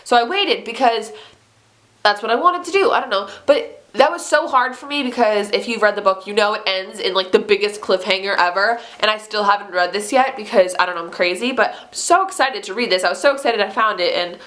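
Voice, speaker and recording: A woman's voice: mid-range voice, fairly quick, a bit bright. A young woman in a casual book haul video, gushing with enthusiasm and using lots of fillers. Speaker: book vlogger.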